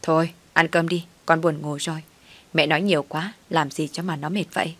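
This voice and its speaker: A woman's voice: deep voice, fairly even intonation, fairly quick, fairly bright tone. A woman voicing a sulky, self-serving young husband who talks curtly. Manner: curt and dismissive.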